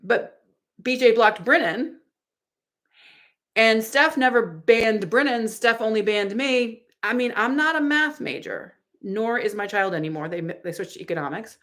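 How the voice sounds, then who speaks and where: Her pitch sits a little high and her delivery is animated, with a measured pace and a slightly bright sound. She's a woman in her forties hosting a laid-back stream, reading chat aloud in a meandering style packed with fillers and restarts.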